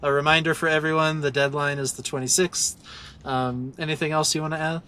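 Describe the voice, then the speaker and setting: Upbeat man with a bright voice. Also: on the high side, level tone, a little fast. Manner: upbeat and joking, laughs a lot. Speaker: podcast host. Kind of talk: casual video call interview.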